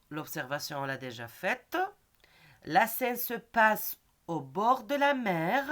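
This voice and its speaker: Middle-aged woman teacher, unhurried, melodic. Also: a little high. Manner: patient, repeats "d'accord?" after each point. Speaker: primary school teacher. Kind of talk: recorded lesson for teachers and pupils.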